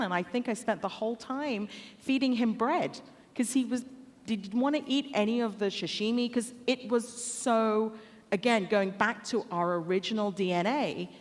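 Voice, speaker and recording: A woman from Hong Kong with a somewhat high voice speaks at a moderate pace on a conference panel in a large hall, its reverb audible. She tells anecdotes and addresses the audience directly.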